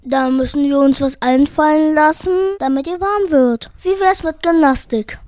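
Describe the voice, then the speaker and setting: A woman's voice: high voice, normal speed, darkish tone, dry recording, clean studio sound, lightly acted. A woman voicing a bossy but friendly little male penguin in a children's story. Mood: bossy, helpful.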